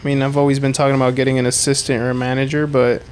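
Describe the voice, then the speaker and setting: A man's voice: medium pitch, flat delivery, racing, clear, resonant tone. A man co-hosting a podcast, chatting in an easygoing, slangy way. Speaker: podcast co-host. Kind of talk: casual podcast chat.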